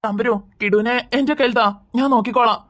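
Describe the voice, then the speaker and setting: Woman voicing a young cartoon man, high voice, gentle, patient, persuasive. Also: fairly even intonation, fast talker, close to an everyday voice. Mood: coaxing.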